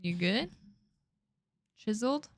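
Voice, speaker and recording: A woman's voice: mid-range voice, animated, slow. Wry woman co-hosting a podcast. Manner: wry, teasing humor. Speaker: podcast co-host. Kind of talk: casual chat.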